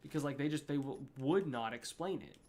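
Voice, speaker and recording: Young man, gaming streamer, casual rambling review, filler-heavy, mid-pitched. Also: brisk, a little mellow. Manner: rambling, many fillers and restarts. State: hiccups.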